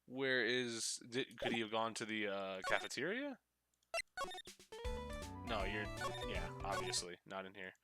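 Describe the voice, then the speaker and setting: Man casually playing a game over loud music. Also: fairly low pitch, animated, measured pace, pauses often. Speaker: video game let's player. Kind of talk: casual game playthrough commentary.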